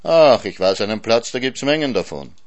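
A man's voice: mid-range voice, big pitch swings, moderate pace, natural voice. A man voicing a sly, teasing male hare in a storybook reading, coaxing and crafty.

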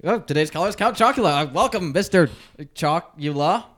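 A man hosting a casual podcast, teasing his co-hosts with rapid, exasperated remarks. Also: high voice, animated, fairly bright tone, no echo, studio quality. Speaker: podcast host.

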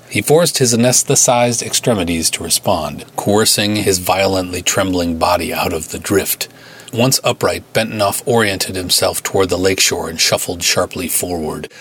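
A man reading his own adventure story aloud in a steady, dramatic narration. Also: deep voice, breathy edge.

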